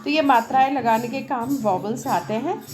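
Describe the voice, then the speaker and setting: A woman teaching an English lesson at a board in Hindi mixed with English. She speaks loudly over outside noise and keeps checking that the class follows along. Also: high-pitched, moderate pace. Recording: loud music and noise from a nearby event behind her. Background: music from a nearby program.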